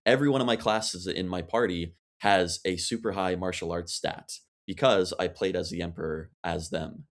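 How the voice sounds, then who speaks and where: A man's voice: sits low, steady tone, moderate pace. A man talking as a podcast panelist in casual chat, rambling and saying "like" a lot.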